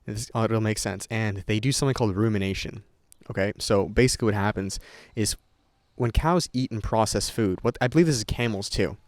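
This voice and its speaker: A young content creator talks to his camera without a script, a little fast and on the low side in pitch. His speech rambles, with free swearing and frequent restarts, recorded in clean studio sound with no room sound.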